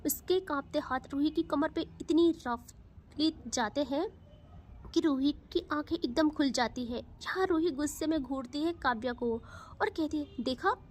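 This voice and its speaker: A woman's voice: high-pitched, measured pace, darkish tone, a little hiss or hum. A woman narrating a story in a casual, chatty way, with asides to her listeners. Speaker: storyteller and writer.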